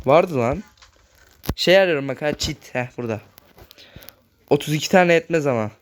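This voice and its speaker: A man hosting a gaming channel, chatting casually through his gameplay, speaking a bit loudly on purpose and constantly addressing his viewers as friends. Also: a little high, animated, normal speed. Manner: talks loudly on purpose so the voice carries.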